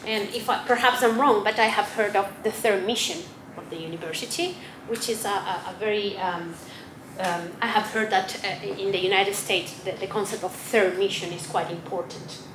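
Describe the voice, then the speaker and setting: A woman from Chile, a native Spanish speaker, giving a symposium talk in a roomy, echoing hall, with a steady hiss of noise underneath. She speaks at a mid pitch and feels her way through her points with frequent ums and restarts. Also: moderate pace. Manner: hesitant, many fillers and restarts. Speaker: academic panelist. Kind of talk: symposium presentation. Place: conference room.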